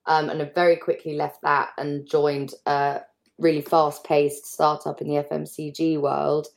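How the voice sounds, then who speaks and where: A woman in her twenties, a startup founder introducing herself on a podcast in a measured way. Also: low voice, little pitch movement, vocal fry. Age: 20s.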